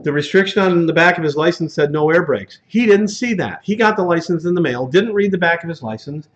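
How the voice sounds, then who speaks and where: A man's voice: a little high, animated, brisk. Chatty male truck driving instructor. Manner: conversational, tells cautionary stories, acts out dialogues. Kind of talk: classroom lecture. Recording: dull lo-fi classroom recording.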